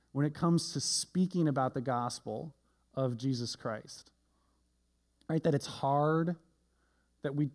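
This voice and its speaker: A man's voice: fairly high pitch, a little mellow. A male pastor giving a conversational sermon with self-deprecating humor, often tagging his points with "right?".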